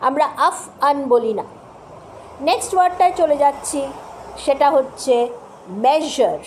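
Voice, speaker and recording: A high-pitched woman gives a patient pronunciation lesson. She spells words out, repeats each sound several times and keeps checking that her listeners understand. A faint hiss sits under the voice. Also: animated, unhurried. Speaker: English pronunciation teacher.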